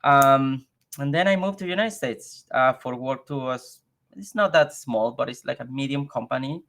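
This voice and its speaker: Man, halting casual guest. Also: mid-range voice, fairly bright tone. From Mexico. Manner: halting, repeats words, laughs easily. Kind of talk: casual interview chat.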